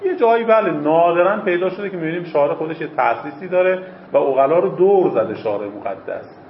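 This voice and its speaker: A man teaches a seminary class at a raised, fairly high pitch, asking rhetorical questions and answering them himself. The recording is roomy and echoey, with a dull lo-fi tone and faint background noise. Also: animated. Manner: repeats key phrases for emphasis. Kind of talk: lecturing on Islamic jurisprudence.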